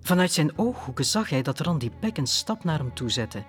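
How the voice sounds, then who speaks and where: A man narrating a children's story audiobook in a calm, expressive storytelling manner. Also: fairly high pitch, normal speed, faint music behind.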